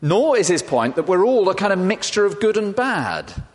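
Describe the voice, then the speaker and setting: A man's voice: sits high, big pitch swings, normal speed. A man preaching a sermon, emphatic and full of rhetorical repetition. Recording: long hall reverb.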